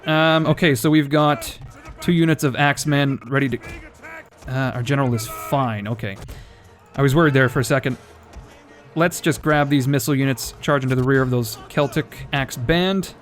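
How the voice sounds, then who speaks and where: A man's voice: mid-range voice, moderate pace, soft background music. A man casually commentating a strategy game, thinking aloud and swearing now and then, his audio cutting in and out with uneven volume. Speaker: gameplay commentator.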